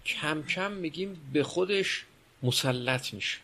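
A man's voice: fairly high pitch, sharp tone. A man giving a religious lecture, explaining and posing rhetorical questions. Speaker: religious speaker.

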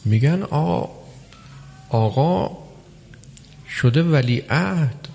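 A man preaching a religious sermon, measured and emphatic, with long pauses between phrases. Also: fairly high pitch, lively intonation, creaky, dark tone, a little hiss or hum. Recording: long hall reverb.

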